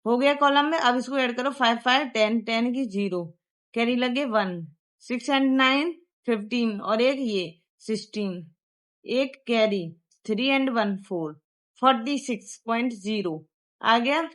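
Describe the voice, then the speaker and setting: Explaining primary-school math from a textbook, an Indian-accented woman moves step by step and alternates Hindi and English for her young pupils. Her voice is fairly high and a bit bright, and the English textbook lines come out very slowly.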